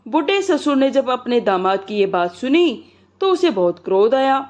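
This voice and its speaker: A woman storyteller narrating a comic folk tale in a lively, expressive way, in a dull lo-fi recording. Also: a little high, moderate pace.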